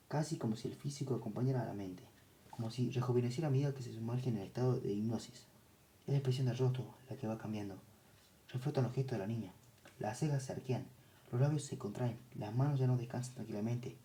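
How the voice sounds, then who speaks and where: Dark-voiced male audiobook narrator. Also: mid-range voice.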